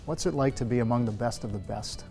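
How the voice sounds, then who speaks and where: Male interviewer, measured, formal, mid-pitched voice, faint guitar music. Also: gravelly, warm tone. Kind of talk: sit-down interview.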